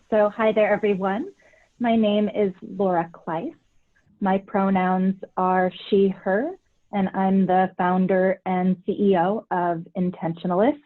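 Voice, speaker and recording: Woman founder and CEO, polished delivery, tinny phone-like sound. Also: medium pitch. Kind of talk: panel discussion.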